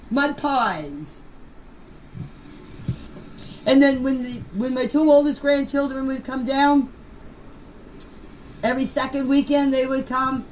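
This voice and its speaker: This is a rough amateur voice clip with clear background noise, in which an older woman with a high voice reminisces informally. She speaks plainly and folksily, repeating her phrases often.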